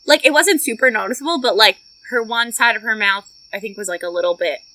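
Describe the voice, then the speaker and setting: Bright, giggly woman podcast co-host. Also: on the high side, quick pace, poor audio. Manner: giggly, chatty, trailing off. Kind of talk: casual movie chat.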